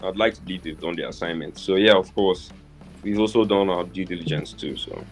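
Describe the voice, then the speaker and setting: A man's voice: low voice, fairly quick, soft background music. A man managing a gaming team, answering in short, confident remarks over a video call.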